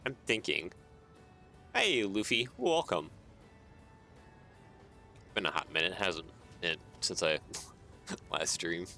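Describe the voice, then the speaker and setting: A man's voice: low voice, unhurried. A man streaming a game, casually talking himself through building and chuckling often, tired and yawning. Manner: thinks aloud, chuckles often, relaxed rambling. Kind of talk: casual gameplay commentary. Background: soft background music.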